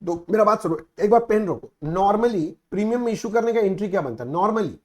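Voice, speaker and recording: A man's voice: sits high, animated, fairly quick. A man teaching accounting in a casual lecture, mixing Hindi and English and checking in with students often. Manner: mixes Hindi and English, asks students frequent check-in questions. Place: recorded teaching video.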